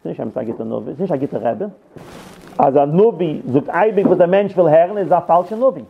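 A man's voice: a little high, animated, brisk, creaky, slightly rough. A man teaching a Bible story, retelling it with acted quotes and frequent restarts. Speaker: Torah teacher. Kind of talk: Yiddish-flavored Bible lesson. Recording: tinny phone-like line.

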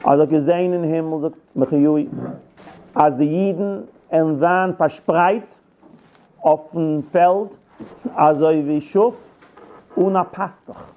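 This Torah teacher's voice sits on the high side, and he talks slowly with long pauses. Teaching a Yiddish-flavored Bible lesson, he acts out quotes and often starts over, all heard through a tinny, phone-like line.

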